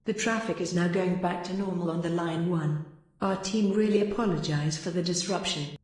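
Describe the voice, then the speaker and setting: A woman reading automated transit announcements over a station intercom, in flat, even recorded phrasing. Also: fairly low pitch, moderate pace. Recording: very echoey station PA.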